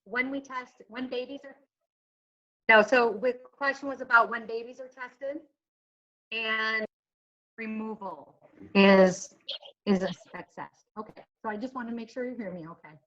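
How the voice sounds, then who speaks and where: A woman heard over a video call, presenting in a webinar for a child welfare agency, halting with frequent ums and restarts. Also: a little high, steady tone, a bit bright. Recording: muffled lo-fi video call audio.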